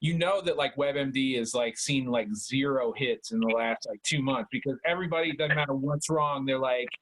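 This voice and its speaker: A man in his thirties co-hosts a podcast in a mid-range, fairly bright voice at normal speed. His talk is rambling and casual, loaded with "like" and "dude" fillers and frequent swearing.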